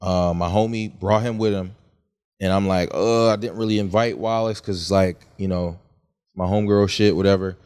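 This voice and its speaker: A young man in his twenties with a lower voice chats on a podcast, telling animated stories. He acts out other people's lines as he goes, in a loose, casual way. He co-hosts the show. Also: moderate pace, smooth. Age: 20s. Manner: animated storytelling, acts out quotes. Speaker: podcast co-host. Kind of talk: casual chat.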